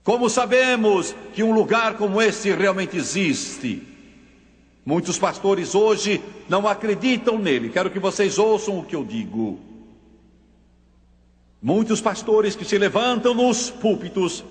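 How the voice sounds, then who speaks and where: A man delivers a dramatic sermon at a very slow, deliberate pace, his voice sitting a little high. He tells his story solemnly and presses each point home. A long reverb trails his words. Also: sing-song. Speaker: preacher.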